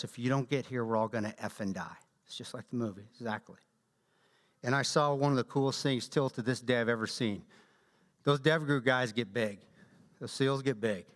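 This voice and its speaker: Animated man telling a story in a reverberant hall. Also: medium pitch. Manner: animated storyteller, acts out quotes, laughs often. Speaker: guest speaker. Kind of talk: storytelling talk to a church audience. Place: church hall.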